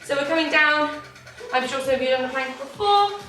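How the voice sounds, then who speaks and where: Young female dance teacher, high and bright, slightly out of breath, distant in a roomy space. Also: expressive, brisk. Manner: encouraging, counts beats aloud. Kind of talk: online dance warm-up class. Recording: echoey room, distant from mic, faint music.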